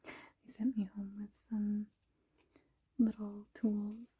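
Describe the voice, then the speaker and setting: A woman whispering softly in an unhurried ASMR ramble, with a breathy, husky voice and short, gently paused phrases. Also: medium pitch, level tone, dull audio. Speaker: ASMR video host.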